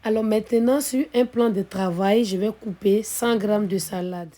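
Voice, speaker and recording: Calm, mellow-voiced woman narrating a recipe. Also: mid-range voice, a little slow. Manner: calm, methodical, repeats set phrases. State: slightly hoarse from illness. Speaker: cooking channel host.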